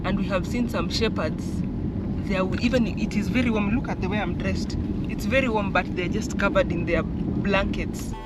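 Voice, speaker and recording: A woman's voice: mid-range voice, normal speed. A woman with a Kenyan accent giving casual, observational travel commentary, often repeating her phrases. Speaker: travel vlogger. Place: inside a vehicle on the road. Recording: noisy moving vehicle, distant mic. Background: loud road and traffic noise.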